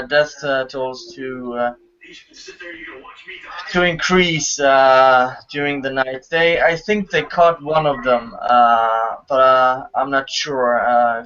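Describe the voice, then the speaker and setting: A man hosting a livestream, giving a halting, hesitant news update over a muffled call line that makes him sound underwater. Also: medium pitch, a bit bright. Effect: muffled, underwater-sounding online call audio. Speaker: stream host. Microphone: remote voice call.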